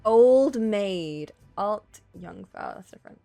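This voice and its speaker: A woman's voice: mid-range voice, expressive, takes it slowly, creaky, dark tone, dry recording, soft background music. A woman casually livestreaming a visual novel, chatting and thinking aloud as she goes. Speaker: streamer playing a visual novel. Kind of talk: casual livestream chat and reading game text aloud.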